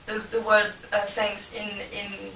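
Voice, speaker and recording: Woman, bright, thoughtful panelist, roomy recording with faint noise. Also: mid-range voice, monotone, unhurried, creaky, far from the mic. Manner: thoughtful, reasoning aloud. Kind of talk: casual panel discussion.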